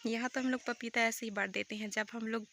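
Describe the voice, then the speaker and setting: A young woman talks her way around her village home, her voice bright and a touch high. She chats in a homely way and apologizes for her first attempt. It sounds like handheld phone audio recorded outdoors, with a faint hiss of noise behind her. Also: steady tone, quick pace. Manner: chatty, apologetic, homely commentary. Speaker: village vlogger. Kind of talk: casual village vlog tour.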